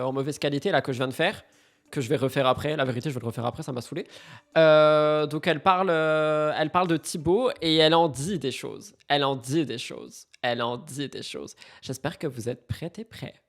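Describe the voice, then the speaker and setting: A young man hosts a casual commentary show, reacting to reality TV clips in a chatty, animated way and leaning on fillers. His voice sits a little high for a man. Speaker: host.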